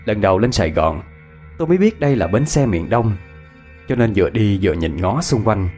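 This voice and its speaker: Lively, deep-voiced ghost story narrator. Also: male voice, a little fast. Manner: dramatic, expressive storytelling. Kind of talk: scripted horror story narration. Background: faint music.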